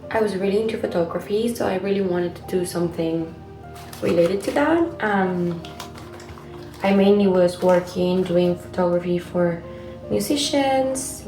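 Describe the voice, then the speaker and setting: Woman, twenties, Argentine accent, native Spanish speaker, slightly low voice, casual vlog chat, background music. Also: rough recording. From Buenos Aires, Argentina. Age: 20s. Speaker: vlogger.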